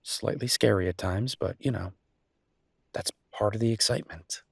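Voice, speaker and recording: Tender and reassuring, a man voices an affectionate, mildly grumbling chef boyfriend for an intimate audio roleplay. His husky voice sits low, and he speaks casually with teasing pauses, in a dry, clean studio recording.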